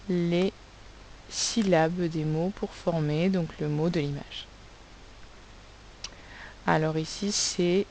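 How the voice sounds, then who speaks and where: A woman teacher giving a recorded spelling lesson for young pupils, slowly sounding out words and spelling them letter by letter. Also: on the low side, darkish tone, slight background noise. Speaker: primary school teacher.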